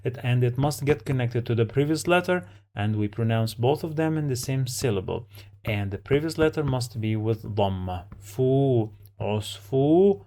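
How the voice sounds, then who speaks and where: Man, Arabic teacher, very slow and deliberate, middle pitch, sounds out syllables, repeats patiently, step-by-step lesson. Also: animated, a little mellow. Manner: sounds out words syllable by syllable with many repetitions. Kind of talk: recorded beginner reading lesson.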